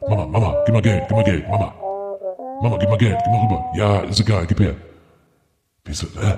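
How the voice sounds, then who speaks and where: A man playing a shady young customer who talks in slang, repeats himself and keeps pressing in a hushed, pushy way. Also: on the low side, a little fast, big-room sound, loud music behind the voice, natural voice.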